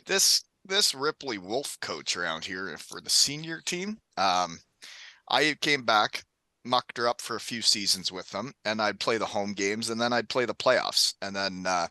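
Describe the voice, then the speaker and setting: Bright-voiced Canadian hockey bro. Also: male voice, lowish voice, expressive, measured pace, no room sound. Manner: laid-back hockey bro talk full of slang. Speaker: podcast host; hockey coach. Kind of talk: casual chat, storytelling.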